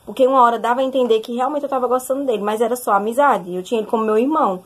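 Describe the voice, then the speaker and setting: A young woman sharing a personal testimony in a casual, animated way, often turning to speak straight to her listeners. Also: fairly high pitch, rapid-fire, husky. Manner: animated, addresses listeners directly.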